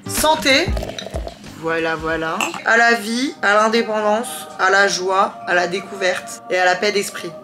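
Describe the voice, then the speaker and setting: A woman's voice: medium pitch, steady tone, moderate pace, few pauses, music in the background. A young adult woman talking casually to a handheld camera, chatty and playful with self-mocking asides, from city streets and a hotel room. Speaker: travel vlogger. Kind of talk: casual vlog talk to camera. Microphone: handheld vlogging camera.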